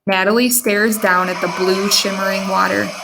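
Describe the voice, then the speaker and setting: A woman storyteller reading a children's picture book aloud with expressive delivery. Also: medium pitch, normal speed, creaky, slight background noise, low-quality recording. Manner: expressive, animated read-aloud. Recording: music under the reading.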